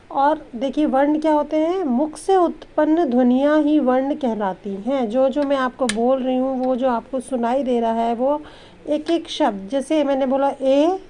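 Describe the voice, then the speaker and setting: A woman's voice: sits high, dark tone. A woman teacher giving a grammar lesson to young children, patiently sounding out letters one by one and mixing English words into her Hindi. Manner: patient, explains step by step and sounds out letters slowly.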